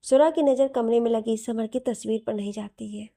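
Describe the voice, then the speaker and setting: A woman storyteller narrating a romance story in a steady, plain way. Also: a little high, moderate pace, gravelly, no echo, clean studio sound.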